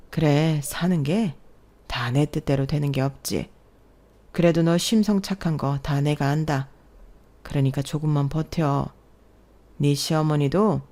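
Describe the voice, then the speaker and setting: Lady doing a low mellow old dad-in-law, soft and slow, comforting. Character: stern older father-in-law, gentle and apologetic.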